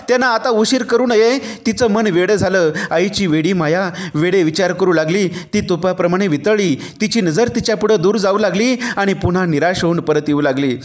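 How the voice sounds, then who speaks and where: A male narrator reads a novel aloud with a fairly high voice. His delivery is expressive and storytelling, and it suits an audiobook. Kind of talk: dramatic novel reading.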